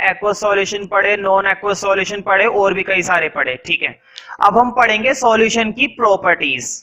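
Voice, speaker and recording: A young adult man teaching a science class, quizzing students and slowly dictating notes word by word. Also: sits high, sharp tone, rough recording. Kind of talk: classroom lecture in Hindi with English dictation.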